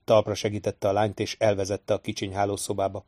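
A male audiobook narrator with a fairly low voice, reading scripted fiction in an even, unhurried way. His delivery is steady and plain, keeping the story moving without fuss.

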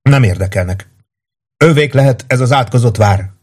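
A man's voice: medium pitch, darkish tone, voice pushed up, natural voice. A man voicing a grief-stricken young warrior in an audiobook, raw and anguished.

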